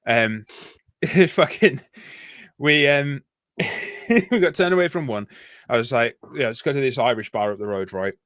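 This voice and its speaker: A man's voice: mid-range voice, measured pace, long pauses, a bit bright, dry recording. Rambling Yorkshire man telling a story. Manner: rambling, laughing, swearing often. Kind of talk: casual storytelling.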